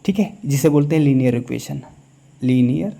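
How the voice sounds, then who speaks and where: A man teaching a maths lecture in a classroom style, who keeps pausing to ask the class quick check questions. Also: medium pitch, creaky, dark tone.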